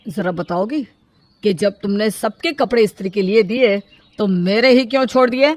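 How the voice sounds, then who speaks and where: A woman voicing an indignant, lonely widowed man in an animated storybook, complaining about being neglected. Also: mid-range voice, moderate pace, no room sound, natural voice. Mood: irate. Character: aggrieved lonely widowed elder brother-in-law, man.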